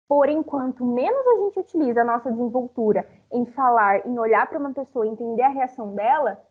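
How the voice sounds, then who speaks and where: A woman's voice: high-pitched, breathy edge. A young woman in her twenties from Brazil giving a live talk, chatting directly with her audience. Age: 20s. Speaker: speaker. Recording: phone-like narrow sound.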